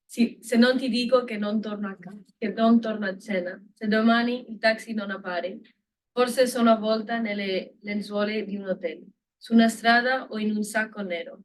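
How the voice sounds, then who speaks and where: A woman's voice: mid-range voice, steady tone, moderate pace, rough recording. A woman from Italy, a student, reading a poem aloud in class, earnest and stumbling over words. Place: lecture room.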